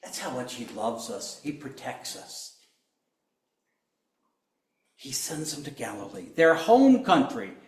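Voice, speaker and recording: A man's voice: fairly high pitch, echoey room. A man preaching a sermon, telling the story with humor and acting out the quoted lines. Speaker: pastor.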